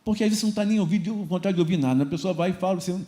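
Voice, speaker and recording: A Brazilian man preaches to his church congregation, slipping into playful little scenes between exhortations. His voice sits a bit high with a warm, mellow color and a relaxed, chatty delivery. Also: very fast. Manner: lively and informal, acting out little scenes and laughing. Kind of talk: sermon. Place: church service before a congregation.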